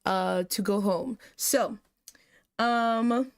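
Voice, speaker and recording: A woman host playing judge in a mock courtroom role-play on a livestream. She speaks slowly in a slightly high voice. Her delivery is rambling and casual. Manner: slow, rambling, breaks into laughter. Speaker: stream host acting as judge.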